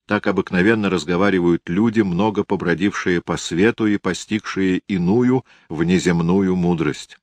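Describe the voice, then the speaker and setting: Deep-voiced male audiobook narrator. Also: moderate pace, hardly any pauses, no echo. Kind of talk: scripted narration.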